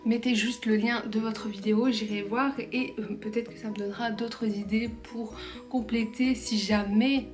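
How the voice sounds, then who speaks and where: A young woman with a slightly high voice talks casually to her camera about books. She is chatty and full of fillers and restarts. Soft music plays faintly behind her. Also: steady tone, moderate pace. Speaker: book vlogger. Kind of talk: casual book chat to camera.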